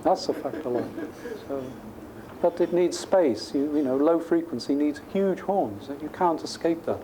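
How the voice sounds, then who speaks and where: This male professor has a fairly high voice with lively intonation and a measured pace, explaining technical ideas informally and thinking aloud in a conversational manner. He is in a university lecture room, and the recording is clearly noisy.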